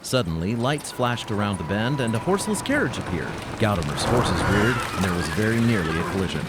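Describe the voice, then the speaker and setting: Very animated and speaking a little fast in a lowish voice, a man serves as host and narrator of a comic audio drama. He reads scripted story passages and announcements against a noisy background.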